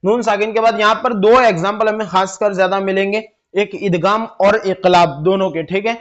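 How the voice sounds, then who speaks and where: High-voiced man teaching in a muffled recording. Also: steady tone, a bit bright. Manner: drawn-out syllable-by-syllable spelling, asks and answers his own questions. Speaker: Quran reading teacher. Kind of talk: step-by-step recitation lesson.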